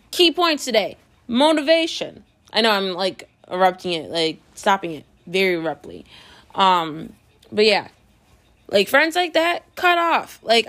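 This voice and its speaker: A woman's voice: a little high, a bit bright. A woman vlogger chatting casually to her viewers, telling gossipy stories with lots of fillers and acting out what her friends said. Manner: acts out quoted friends in her retelling.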